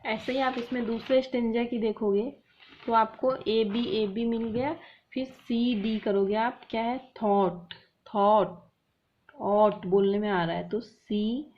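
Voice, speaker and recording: A woman's voice: fairly high pitch, fairly even intonation, measured pace, highs cut off, slight background noise. Woman teacher stressing rhyme words. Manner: drills words with stretched, emphatic calls; scolding students for not replying. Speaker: English literature teacher. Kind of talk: online class lecture.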